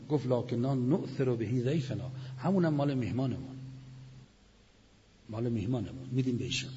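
A man's voice: a little high, warm tone. A man giving a religious lecture, retelling scenes with quoted dialogue and Arabic citations. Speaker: preacher. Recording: lo-fi recording with long hall reverb and faint noise.

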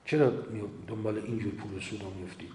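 A man delivering a sermon, forceful and full of rhetorical questions. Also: on the low side, slight background noise. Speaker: cleric. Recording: echoey hall with faint ambience.

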